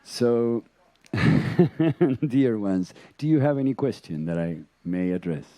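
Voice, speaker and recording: A man teaching a yoga lecture to a live audience, telling stories in a deliberate, gentle way with chuckles. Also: sits low. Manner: animated storytelling, chuckles.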